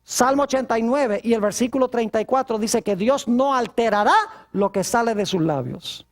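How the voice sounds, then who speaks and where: A man's voice: very high-pitched, moderate pace. A man preaching a sermon as pastor, asking his congregation rhetorical questions.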